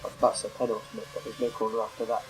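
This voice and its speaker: Talking fast in a monotone, a man with a fairly low voice gives casual commentary on his racing game. A cold has made him slightly nasal, and he rambles, corrects himself and uses plenty of fillers.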